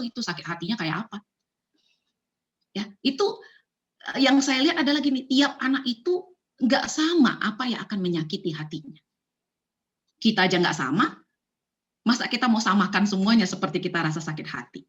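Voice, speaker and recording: A woman's voice: mid-range voice, muffled recording. Woman preaching in a conversational way. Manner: conversational, mixes English phrases, many fillers and rhetorical questions. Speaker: church speaker. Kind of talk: sermon on parenting.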